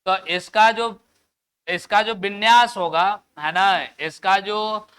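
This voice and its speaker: A man's voice: sits high, steady tone, slow pace, bright, forceful tone, smooth. A man with a Bihari Hindi accent teaching a classroom biology lecture. He keeps asking the class questions, answers them himself, and tags his sentences with "है ना". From Bihar, India.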